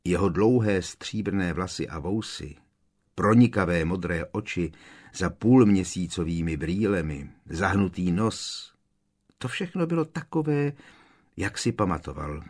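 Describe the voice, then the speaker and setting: A man narrating an audiobook with expressive storytelling. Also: low-pitched. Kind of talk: scripted narration.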